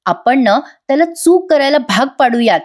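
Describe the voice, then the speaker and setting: A woman's voice: high-pitched, expressive, a little mellow, voice pushed up. A woman voicing a thoughtful older uncle who weighs his words. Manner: measured, deliberate.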